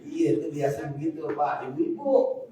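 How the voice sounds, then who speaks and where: A man's voice: on the high side, very animated, normal speed, mellow. A man with a Betawi accent preaches a joking sermon, often turning to address the audience directly. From Jakarta, Indonesia. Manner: jokes and often turns to the audience to address them. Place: large mosque hall. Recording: very echoey hall, voice from far off, faint noise.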